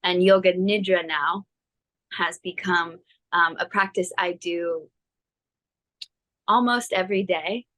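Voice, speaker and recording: A woman speaking as a yoga teacher guest, thoughtful and measured with some hesitations. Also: lowish voice, steady tone, a bit bright, poor audio. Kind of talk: reflective personal interview. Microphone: video call.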